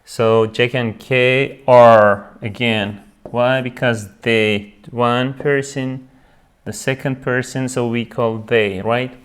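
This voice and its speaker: Teaching beginner English grammar, a Turkish man speaks at a medium pitch with fairly even intonation and a clear, resonant tone. He takes it slowly, repeats each word, switches into Turkish to translate, and asks "right?" after every point.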